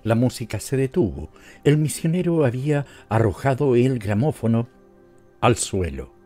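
A man with a Latin American Spanish accent narrating an audiobook story in a measured, even way. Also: mid-range voice. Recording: soft music underneath.

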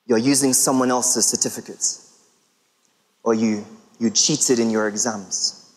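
A man in his thirties preaching a sermon to a large congregation, emphatic and full of rhetorical questions with drawn-out pauses. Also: medium pitch, steady tone. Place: large church hall with congregation. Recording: long reverb of a big hall.

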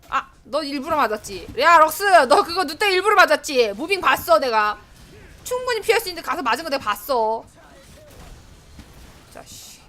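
A woman's voice: sits high, sharp tone, slight background noise. A woman streaming a game live, chatting to herself and her teammates and often breaking into exclamations. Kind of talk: live gameplay commentary.

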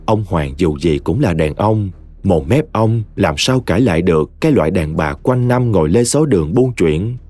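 A man with a low, expressive voice tells a story in scripted audiobook style, his pitch rising and falling with the drama. Faint music plays behind him. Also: normal speed, few pauses. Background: soft music.

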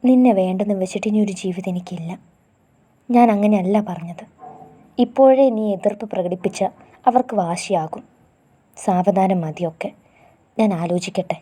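Woman doing a soft-spoken young auto driver guy, tender and reassuring, husky. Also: medium pitch, natural voice. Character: gentle young man, auto driver, protective lover.

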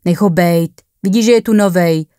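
A woman voicing a gruff but friendlier male ambulance driver who speaks in a matter-of-fact way. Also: lowish voice, warm tone, dry recording, studio quality, natural voice.

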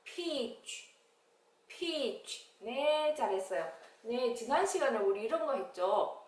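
A woman teacher leading an English lesson for young children, with a sing-song manner and big pitch jumps on the English words. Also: animated, moderate pace, darkish tone, echoey room, recorded from a distance.

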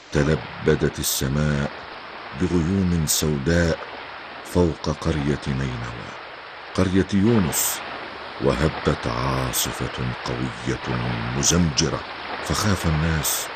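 An older man narrating a story as a grandfather, in a measured, solemn way. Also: very deep voice, background noise.

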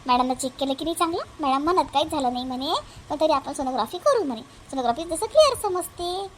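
A woman voicing a calm, reassuring village neighbor woman who repeats herself firmly. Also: sits high, fast talker, a little hiss or hum. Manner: reassuring, firm, repetitive.

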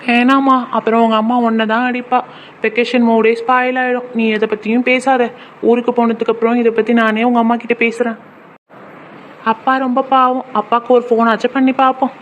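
A man voicing a caring young father in a cartoon, who talks to his daughter in a gentle, coaxing way. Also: very high voice, little pitch movement, brisk, dull audio, slight background noise.

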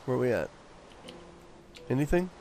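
Upbeat dad leading a family game. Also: male voice, medium pitch, lively intonation, mellow, slight background noise. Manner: upbeat and directing, quick to joke. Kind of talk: casual gaming chat.

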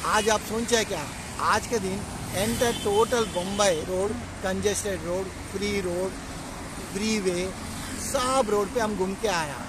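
High-voiced male instructor on a windy roadside. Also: unhurried. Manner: lists route stops one by one, blessing in mixed Hindi-English. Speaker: driving instructor. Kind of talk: roadside student interview. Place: outdoors beside a busy highway. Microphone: phone camera held by the speaker. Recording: loud wind and traffic noise.

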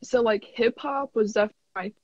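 A woman's voice: fairly high pitch, fast, darkish tone, dull audio. A young woman from South Dakota, a guest in a casual interview, answering in a shy, hesitant way.

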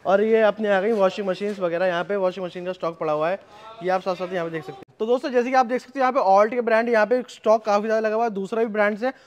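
A young man vlogging while walking through a large indoor warehouse, hyping the stock to his viewers in a fast promotional style. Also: sits high, muffled recording. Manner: hype-driven, addresses viewers as friends.

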